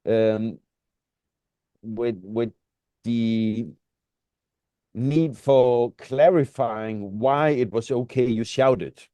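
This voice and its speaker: A middle-aged Danish man, a native speaker with a Danish accent, co-hosts a casual, reflective podcast conversation and often searches for words. His medium-pitched voice has a dark tone, drawn-out words, and long pauses, in dull audio with no echo.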